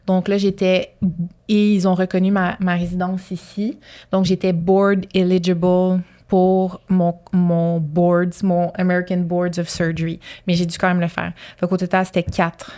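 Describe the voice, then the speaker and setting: Flat-toned Québécois woman telling stories. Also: lowish voice, unhurried. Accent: Québécois French. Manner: chatty, laughs often, trails off and restarts. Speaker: colorectal surgeon guest. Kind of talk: casual interview storytelling.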